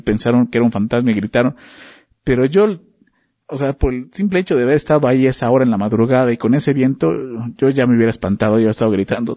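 A man's voice: medium pitch, dark tone, no room sound, highs cut off. A man preaching a conversational Bible study sermon, often asking rhetorical questions and repeating words as he restarts.

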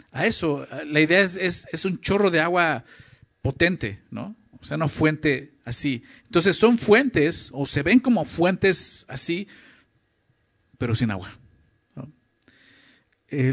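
A man preaching a teaching sermon, often checking in with his listeners with short questions. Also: medium pitch. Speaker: pastor. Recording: dull lo-fi recording.

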